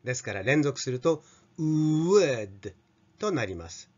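A man's voice: medium pitch, big pitch swings, a little fast. An older Japanese man teaching an English pronunciation lesson, carefully modelling sounds for students to repeat. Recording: slightly dull lo-fi sound.

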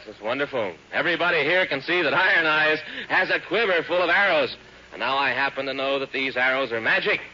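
On a theater stage, an American man hosts a 1940s children's radio show as a hearty, folksy showman. His voice is a little high, pushed, bright and slightly rough, captured in a dull, noisy old broadcast recording.

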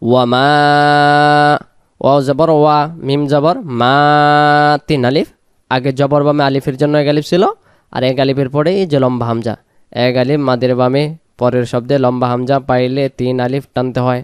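A man teaching Quran recitation, spelling each word letter by letter and then chanting the verse slowly. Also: mid-range voice, fairly even intonation, clear, resonant tone, dry recording, studio quality.

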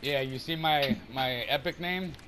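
A man's voice: on the high side, unhurried, crowd noise. A man in his forties chatting casually with a teammate during an online game, easygoing and calling people bud and dude. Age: 40s. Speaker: gaming YouTuber. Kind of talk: casual voice chat while gaming. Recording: loud background noise.

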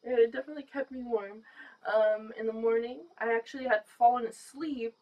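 A woman's voice: fairly high pitch, fairly even intonation, normal speed. A woman vlogger chatting casually through a gas mask, rambling with lots of fillers and little laughs. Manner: chatty, many fillers, giggly. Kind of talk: casual rambling chat to camera. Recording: dull lo-fi sound.

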